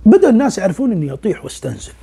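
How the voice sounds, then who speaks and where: A male storyteller who talks quickly and acts out every exchange in his tale. His voice is gravelly and mellow, with a husky, breathy texture, and he sinks into whispers at tense moments. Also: high voice. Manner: lively, acts out dialogue, drops to whispers. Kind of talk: oral storytelling of a spooky tale.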